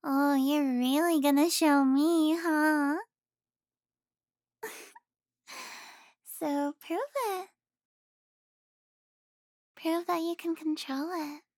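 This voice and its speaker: A woman playing a teasing girlfriend, very high. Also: fairly even intonation, extremely slow, long pauses, dry recording, studio quality. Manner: teasing, soft, with frequent sighs and giggles. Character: affectionate teasing young adult girlfriend. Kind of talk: intimate audio roleplay.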